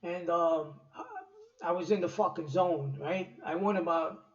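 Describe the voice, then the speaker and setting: An older man tells a long story, his voice sitting a little high. He swears constantly and wanders with lots of fillers. He sounds distant in an echoey room on a dull home recording. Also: a little slow. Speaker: storyteller vlogger. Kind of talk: casual rambling storytelling.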